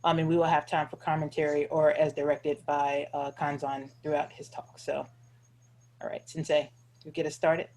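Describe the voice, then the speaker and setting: A man's voice: a little high, level tone, normal speed, a little mellow, slight background noise. A man hosting an online event, giving informal housekeeping announcements. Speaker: host and moderator.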